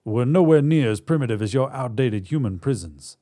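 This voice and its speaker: A man's voice: mid-range voice, lively intonation, brisk, warm tone, close to an everyday voice. A man voicing a rude, grumbling male alien sidekick with a sarcastic way of talking.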